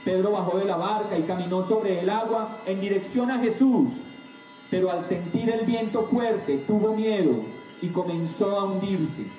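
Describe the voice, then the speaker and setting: A man preaching a sermon, slow and emphatic with dramatic pauses. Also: high-pitched, dark tone, recorded from a distance, soft background music. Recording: echoey room, voice off-mic.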